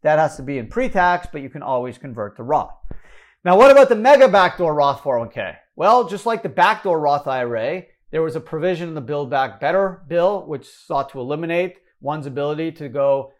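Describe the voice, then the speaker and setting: A man with a Canadian accent explaining retirement contribution limits, brisk and number-heavy, correcting himself as he goes. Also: on the high side, expressive. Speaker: financial educator. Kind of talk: explanatory talk.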